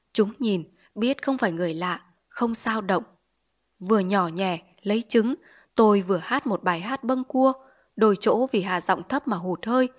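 A woman narrating a literary story in a measured, sorrowful way. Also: medium pitch.

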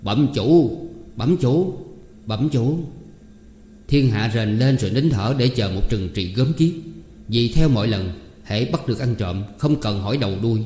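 A man's voice: mid-range voice, warm tone. Man narrating a story in an echoey room. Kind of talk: first-person story narration. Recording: echoey room, long reverb.

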